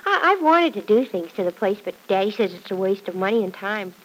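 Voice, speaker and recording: In a classic radio drama, a woman plays a cheerful, devoted young farm girl working as a housemaid, earnest and artless, with folksy exclamations and a wistful, earnest mood. Her mid-range voice is sing-song and fairly quick, and the recording is rough.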